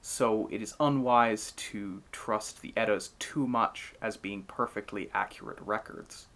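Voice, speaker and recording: A man's voice: fairly low pitch, unhurried, a bit bright. A man giving scripted, explanatory narration in the manner of a storyteller. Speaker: narrator, mythology channel host.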